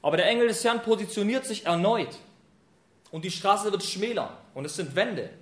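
A man preaching a sermon, retelling a scripture story in a lively, colloquial way. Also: high voice, normal speed. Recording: echoey room.

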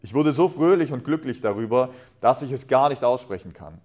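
An earnest man delivering a sermon to a congregation, his voice sitting at an ordinary middle pitch. He reads aloud with feeling and lets many phrases fade to a hush at the end. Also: animated, brisk, highs cut off. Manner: earnest, reads expressively, trails off softly at phrase ends. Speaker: preacher. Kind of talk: sermon with a read-aloud story.

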